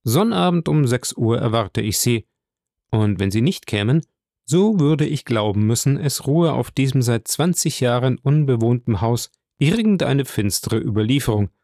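A suave count in a storybook reading, calm and polished, who chooses each courteous phrase with care, as a man reads him. His voice has a gravelly grain and sounds dry and close to the mic. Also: medium pitch, normal speed, no room sound, lightly acted. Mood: assured. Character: suave, composed male count, courteous and assured.

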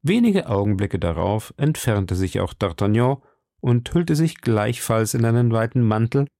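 A man reading a classic novel aloud, with steady, measured storytelling. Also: mid-range voice, no room sound, clean studio sound. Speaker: reader.

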